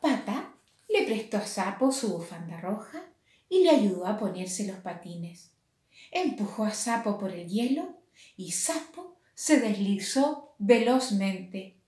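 A woman reading a picture book aloud to children in a gentle, expressive manner. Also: mid-range voice, slow pace. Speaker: storyteller for children. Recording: roomy echo.

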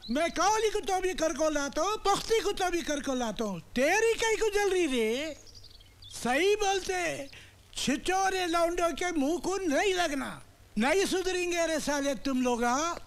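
An older man with a Hyderabadi accent playing a boastful, touchy uncle in a comedy film, theatrical and drawn-out. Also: extremely high pitch, animated, fairly bright tone, slight background noise, heavily acted. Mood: indignant. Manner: drawn-out, theatrical scolding and bragging.

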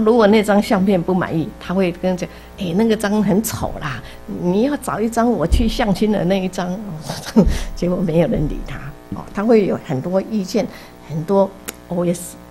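A middle-aged Taiwanese woman with a mellow, lowish voice teaches a casual Buddhist class in a basement classroom. She tells stories chattily, scatters in many interjections, and laughs at her own jokes; the recording quality is poor.

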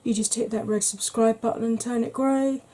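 Seated near the camera in a small home room, a middle-aged woman who makes beauty videos talks through makeup in a soft ASMR way. Her tone is a little high but mellow and slightly husky, warm and relaxed, as she rambles chattily and gently about many topics.

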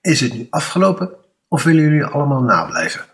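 A stern schoolteacher, as a man puts him on, scolding his class in a raised, sharp storybook voice. He sounds strict and short on patience. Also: mid-range voice, lively intonation, normal speed, distant mic, voice pushed up.

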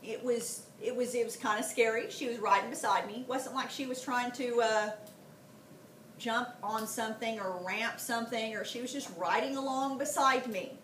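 A woman's voice: a little high, moderate pace. A middle-aged woman, teaching a classroom history lesson and telling stories, often checking in with the students. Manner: animated storytelling, frequent "okay?" check-ins with students. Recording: roomy, from a distance, faint background noise.

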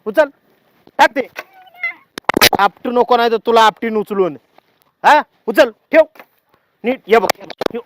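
A man's voice: very high-pitched, background noise. An actor playing a bossy village husband who nags and barks repeated orders at his wife. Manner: nagging, barking orders, repeats words. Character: bossy scolding village husband, middle-aged. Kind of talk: village short-film acting.

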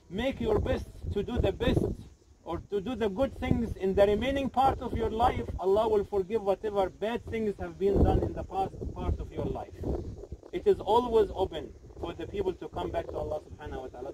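A man's voice: sits high, background noise. A middle-aged man, an imam, giving an earnest outdoor sermon at a graveside, repeating phrases and asking rhetorical questions. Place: outdoors at a cemetery, crowd standing around. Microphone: camera a few metres away.

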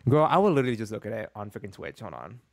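Young male streamer, lively swooping delivery, slang-heavy casual chat. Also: fairly low pitch, very fast, vocal fry, no echo, clean studio sound. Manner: animated and chatty, full of slang. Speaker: game streamer.

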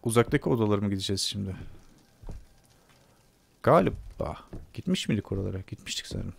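A man's voice: fairly low pitch, expressive, brisk, gravelly, breathy edge. Jumpy man muttering through a horror game. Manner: talks to himself and the game, jumpy, repeats words. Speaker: gamer playing a horror game. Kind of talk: casual let's play commentary.

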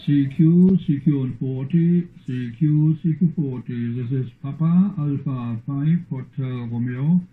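A man's voice: medium pitch, soft background music. Man on thin shortwave radio call. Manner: slow, repeated call-and-standby phrasing. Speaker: amateur radio operator. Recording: tinny narrowband radio, distant.

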